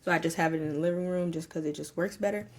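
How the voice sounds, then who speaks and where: A woman's voice: sits low, steady tone, very fast. A young woman casually explaining a do-it-yourself craft project at home, talking to viewers in a chatty way with lots of fillers. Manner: chatty, filler-heavy, addresses viewers as y'all and you guys. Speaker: small business owner. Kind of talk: casual tutorial vlog. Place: home room.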